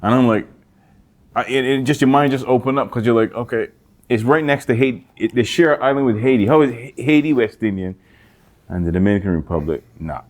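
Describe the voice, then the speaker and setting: A man who grew up in Barbados, co-hosting a casual podcast chat, often restarting his sentences and breaking into animated impressions. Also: medium pitch, brisk. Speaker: podcast co-host.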